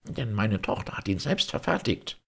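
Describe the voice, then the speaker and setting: A man voicing an indignant old grand vizier in a fairy-tale reading, declaiming loudly with outrage. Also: lowish voice, sing-song, normal speed, gravelly, slightly rough, voice pushed up, heavily acted. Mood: outraged. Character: indignant elderly grand vizier, proud and oath-swearing.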